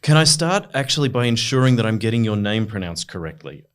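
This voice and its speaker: A polite, formal man hosts a podcast interview. His voice sits on the low side and he speaks with courteous care. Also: very animated, fast talker, clean tone. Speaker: podcast host. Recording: audio podcast.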